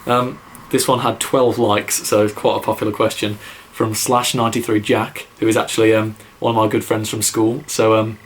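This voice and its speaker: His voice sits on the low side with flat delivery, a moderate pace, and few pauses, over a little hiss or hum. He's a young Englishman from the Birmingham area with a mild Midlands accent, doing a casual vlog Q&A. Full of fillers and "like," he rambles and says so openly.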